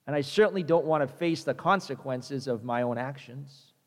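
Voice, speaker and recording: A man's voice: medium pitch, normal speed, in a large hall. A male pastor preaching a conversational sermon, repeating himself and acting out the characters.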